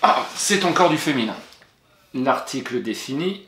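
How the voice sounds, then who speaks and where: A man's voice: medium pitch, lively intonation, normal speed, fairly bright tone, slight background noise. A man teaching a young child spelling, patient and encouraging, spelling words out letter by letter. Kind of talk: spelling lesson for a young pupil. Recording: roomy echo.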